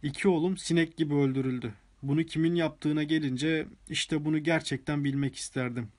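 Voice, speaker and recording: A man's voice: on the high side, steady tone, a little fast, a little mellow, close to an everyday voice. A man voicing a blunt, gloomy old father in an audiobook. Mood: grim.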